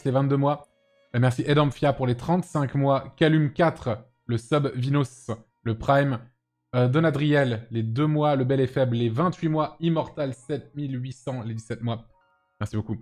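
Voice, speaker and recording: A man's voice: mid-range voice, darkish tone. A man hosting a live stream, chatting casually with lots of fillers and teasing his guests. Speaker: streamer host.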